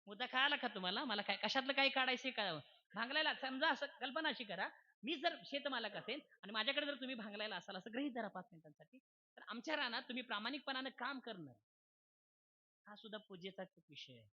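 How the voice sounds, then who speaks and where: A man with a very high, pushed, bright voice talks fast and animatedly. He's a kirtan preacher giving a comic devotional sermon in a folksy way, often asking whether the crowd follows, heard on a dull lo-fi recording.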